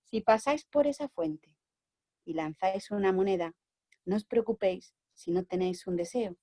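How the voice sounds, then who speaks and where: A woman with a Spanish accent from Spain, an oral storyteller and educator, telling a children's story in an animated way that moves between bright and hushed. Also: medium pitch, normal speed, dry recording, studio quality.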